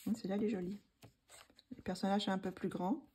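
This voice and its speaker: A woman's voice: mid-range voice, fairly even intonation, fast talker, mellow, a little hiss or hum. A woman vlogger chatting casually about her coloring books, hesitating often with fillers and restarts. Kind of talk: casual chat.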